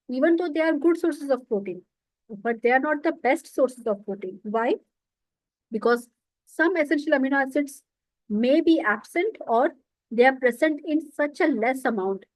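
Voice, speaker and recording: A woman's voice: a little high, dry recording, rough recording. A woman giving an online nutrition lecture, explaining step by step and often checking in with "okay". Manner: explanatory, repeats terms and says okay often.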